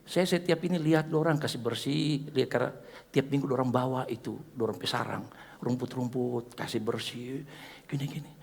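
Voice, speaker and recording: Joking preacher with a lilt. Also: male voice, mid-range voice, fairly even intonation, moderate pace, creaky, slightly rough, in a large hall. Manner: playful preaching with jokes, swinging between soft asides and loud exhortation. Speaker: pastor. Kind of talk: sermon. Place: church.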